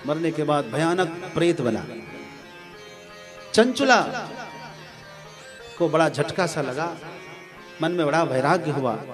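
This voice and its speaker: A male preacher tells a devotional story in a slightly high voice and acts out the characters as he goes. Music plays behind his sermon. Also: slow pace, pauses often. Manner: animated storytelling, acting out the characters.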